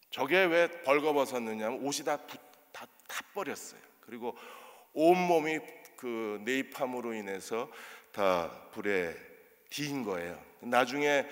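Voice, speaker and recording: A male pastor preaching a sermon to his congregation, animated and throwing rhetorical questions to them. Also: medium pitch. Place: church sanctuary. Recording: long church reverb.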